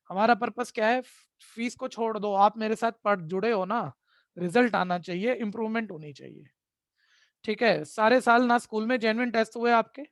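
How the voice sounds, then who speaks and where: A man's voice: high voice, dry recording, clean studio sound. A man teaching math in an online class, sternly lecturing and scolding his students and often checking that they follow. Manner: keeps asking "ठीक है?" to check in. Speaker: math tutor.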